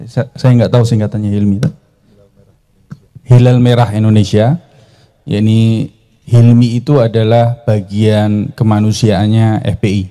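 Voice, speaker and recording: A man serving as moderator opens with a prayer and then introduces a guest in a formal, halting way. His voice is very dark and low. He speaks in a flat, even tone.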